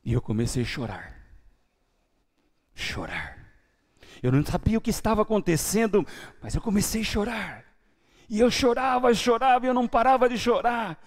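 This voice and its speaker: A Brazilian pastor preaching a sermon, his voice a touch higher than most men's. He tells his own story, dropping to near-whispers and then climbing back loud. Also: moderate pace, pauses often. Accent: Brazilian Portuguese. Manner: storytelling with lively swings between hushed and loud. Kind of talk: sermon testimony. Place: church.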